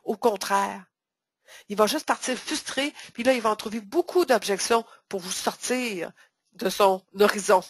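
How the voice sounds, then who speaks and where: A woman's voice: mid-range voice, a little slow, husky, no echo. A woman with a Québécois French accent hosting a sales training webinar, talking emphatically and repeating words for stress. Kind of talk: webinar presentation.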